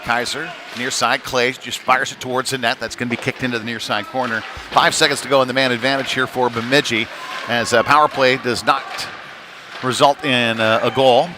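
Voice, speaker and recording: Speaking a little fast in a steady, mid-range voice, a man gives informal live commentary on a youth hockey game, his delivery climbing with the play. Clear venue noise fills the background of this live stream from a cold ice rink.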